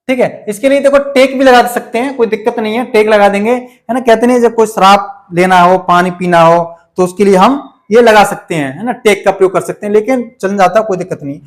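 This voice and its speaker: High-voiced man teaching English grammar. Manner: repetitive, asks and answers his own questions, calls students 'beta'. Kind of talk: Hindi-language grammar lesson.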